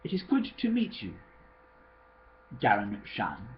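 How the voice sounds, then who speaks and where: A man's voice: lowish voice, wildly swooping pitch, takes it slowly, muffled recording, a little hiss or hum, heavily acted. A man voicing a slender male vampire politician who speaks in a posh voice, in a homemade storybook reading.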